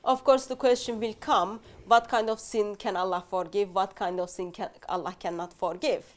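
A woman's voice: medium pitch, steady tone, moderate pace. A woman guest in a discussion, giving short replies and reading passages aloud carefully. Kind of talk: conversational discussion.

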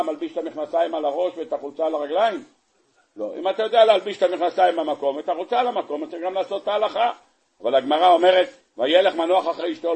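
A rabbi with a husky, slightly breathy voice delivers a sermon, retelling the scripture story with lively, animated flair. He keeps turning to his listeners with rhetorical questions. His voice sits high for a man. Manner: animated storyteller, acting out the scenes; asks the audience rhetorical questions. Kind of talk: weekly Torah portion sermon.

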